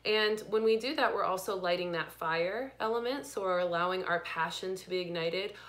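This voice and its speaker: A young woman with a fairly low voice hosts a live spiritual card reading. She talks gently and without hurry, greeting viewers and guiding them through the new year's energy. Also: moderate pace. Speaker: intuitive reader and livestream host.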